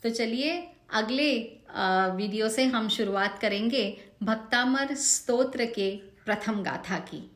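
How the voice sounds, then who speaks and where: Slow and patient, a woman stretches each example word as she teaches the pronunciation of a devotional hymn in an online lesson recording. Her slightly high, somewhat bright voice echoes with reverb.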